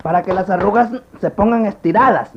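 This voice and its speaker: A man plays a bungling, cocky country barber with a high, gravelly, pinched voice. He has a Central American accent and blusters his way through slapstick comedy on slightly muffled audio. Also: a little fast, a little hiss or hum. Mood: cocky, busy. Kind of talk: slapstick comedy sketch acting.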